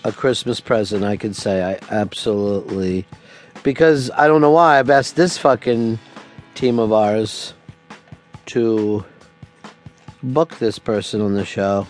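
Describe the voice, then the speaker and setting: A man's voice: lowish voice, steady tone, measured pace, soft background music. A man hosting a talk radio show, trading sarcastic, profane jabs with his co-hosts in the studio. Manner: teasing, sarcastic, swears freely.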